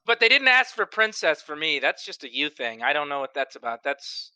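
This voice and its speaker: A man telling animated stories on a podcast and laughing often. His voice is strikingly bright and smooth, and it sits a little high for a man. The sound is dry and close to the mic. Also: a little fast, dry recording. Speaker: podcast co-host. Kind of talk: casual chat.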